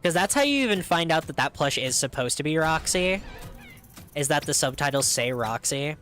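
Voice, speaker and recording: A young man giving casual, excited, rambling commentary while streaming a game, laughing often. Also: fairly high pitch, moderate pace, faint music behind.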